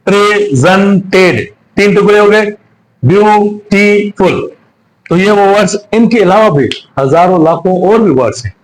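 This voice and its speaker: A man's voice: high voice, slight background noise, low-quality recording. A man teaching English pronunciation, asking his class questions and answering them himself, switching between Hindi and English. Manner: slows down to read English phrases; mixes Hindi and Urdu with English terms. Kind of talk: classroom lecture.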